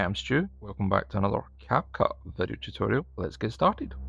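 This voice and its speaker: A man's voice: lowish voice, creaky. A man with a broad Scottish accent hosting a casual step-by-step video tutorial. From Scotland. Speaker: tutorial host. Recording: echoey room, slightly dull sound.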